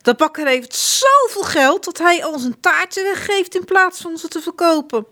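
A woman's voice: very high voice, animated, moderate pace, sharp tone, pitched above the performer's own voice, exaggerated voice. A woman voicing a vain, greedy male prince in a whiny, pompous storybook voice.

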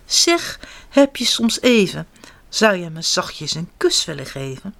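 Soft little storybook mouse, girlish and sweet, voice leaping up and down, unhurried, read aloud by a woman. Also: lowish voice, creaky, exaggerated voice. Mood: hopeful. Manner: lively, rising storybook voice. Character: gentle little female mouse seeking a kiss. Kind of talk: reading a picture book aloud to children.

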